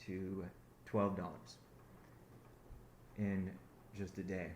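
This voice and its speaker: The speaker is a company founder on a conference call, drifting through a business update while self-correcting and restarting his lines. His voice is low and very slow, a little mellow, with little pitch movement. Reverberation and slight background noise are audible.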